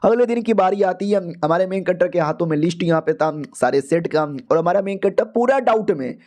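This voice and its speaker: A man's voice: high voice, lively intonation, fairly quick, a little mellow. A man narrating a comic recap in a casual, slangy, joking storytelling style.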